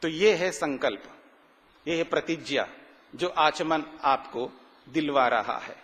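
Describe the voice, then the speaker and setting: A man delivers a morning sermon in an ashram hall. His voice sits high, and his words ring out with a long echo. He keeps asking rhetorical questions and draws out sacred verses slowly for emphasis. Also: a bit bright. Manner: repetitive, rhetorical questions, slow emphatic recitation. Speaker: swami giving a morning discourse. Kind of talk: sermon explaining ritual mantras.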